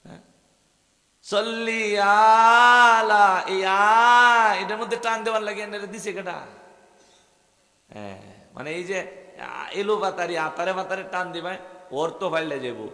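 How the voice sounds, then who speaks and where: Rousing Bangladeshi preacher in an echoing hall. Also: male voice, sits high, lively intonation, moderate pace, creaky, long pauses, a bit bright. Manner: rhythmic, rousing, calls questions out to the crowd. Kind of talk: waz sermon to a gathering. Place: religious gathering. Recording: echoey open-air mahfil with long reverb.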